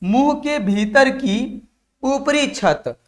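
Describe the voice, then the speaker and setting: High-voiced Hindi grammar teacher drilling students. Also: male voice, expressive, extremely slow. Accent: Bihari Hindi. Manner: drills students with repeated questions and answers; addresses viewers as dear children. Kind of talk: exam-prep lesson.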